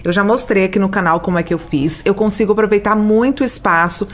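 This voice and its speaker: Young woman, Brazilian Portuguese accent, casual vlog voice-over, talks straight to viewers, medium pitch. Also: fast talker. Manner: chatty, addresses viewers directly. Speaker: home organization vlogger. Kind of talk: voice-over narration of cleaning.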